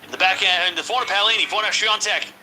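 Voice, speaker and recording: A man giving casual live play-by-play of tennis matches, excitable and chatty, talking straight to his viewers. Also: sits high, rapid-fire, background noise. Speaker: live-stream tennis commentator. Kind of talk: casual watch-along play-by-play commentary.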